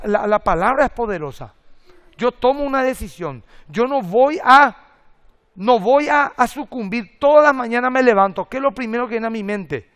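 A middle-aged man, a pastor preaching a sermon and telling lively stories with acted-out quotes and jokes. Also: high-pitched. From Paraguay.

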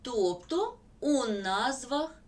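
A woman teacher, slowly dictating word examples in a school grammar lesson. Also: high voice, expressive.

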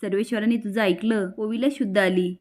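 A woman's voice: mid-range voice, steady tone, fairly quick, a little mellow, lightly acted. A woman doing an eager young woman with news.

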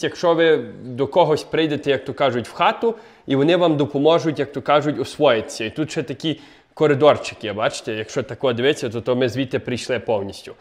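A young man casually showing a basement apartment on a handheld phone camera, chatty with many fillers and restarts. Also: on the high side. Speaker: vlogger giving a home tour. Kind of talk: casual walking tour vlog. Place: outdoors in snow, then indoors in a basement apartment.

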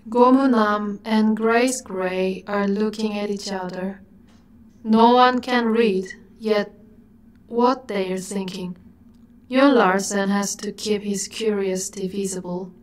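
A woman giving scripted narration in a slow, dreamy way that sometimes drops to a whisper. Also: mid-range voice, fairly even intonation, low-quality recording.

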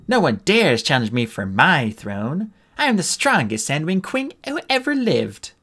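A man's voice: fairly high pitch, sing-song, measured pace, a bit bright, pitched above the performer's own voice, exaggerated voice. A man voicing a small, nervous young female dragon who hams it up as a pompous queen. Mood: mock royal. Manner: hammy playacting a pompous queen.

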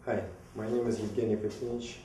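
Standing against a plain wall in a small room, a Moscow-born business school applicant in his thirties reads a scripted self-introduction from notes in a halting way. His Russian-accented voice is mellow, on the low side, with little pitch movement. A distant camera mic captures it, leaving the audio very echoey and a bit noisy.

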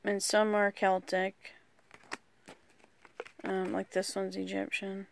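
A woman casually walking through a deck of oracle cards, rambling and hesitant with lots of pauses. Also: medium pitch, completely flat delivery, gravelly, slight background noise. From rural United States. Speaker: vlogger. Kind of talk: casual card walkthrough.

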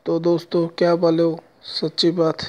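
A man telling a personal story with a moral in a slow, halting way, with many pauses. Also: a little high, completely flat delivery. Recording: dull lo-fi recording.

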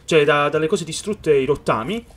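A man giving excited let's-play commentary on a video game, reading the game's dialogue aloud and talking straight to his viewers. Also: fairly high pitch, normal speed. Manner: excited, calls viewers "raga" often. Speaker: gaming youtuber.

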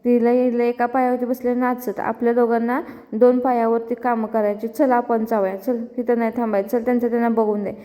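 A woman's voice: fairly high pitch, flat delivery, a little fast, dark tone, close to an everyday voice. A woman voicing a teasing young man who bosses others around, in an echoey room. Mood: mocking bossy. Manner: bossy, mocking.

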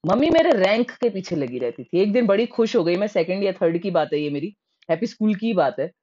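A woman from Rajasthan telling her own childhood memories in a lively, animated way, slipping English words into her speech. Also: medium pitch, brisk, dull audio. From Rajasthan, India. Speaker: storyteller. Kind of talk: personal storytelling.

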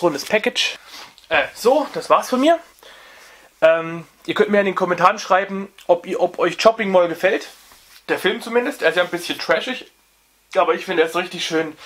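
A man's voice: high voice, fairly bright tone. A young man hosting a casual record review, talking off camera with many fillers and restarts. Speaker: vinyl review channel host.

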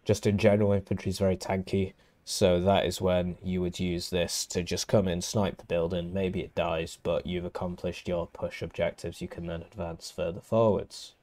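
A man's voice: sits low, little pitch movement, moderate pace, a little mellow. A man with a nasal, congested voice, casually casting and explaining a strategy game match from home. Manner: talks through options, casual and wry. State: congested from illness. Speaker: game caster.

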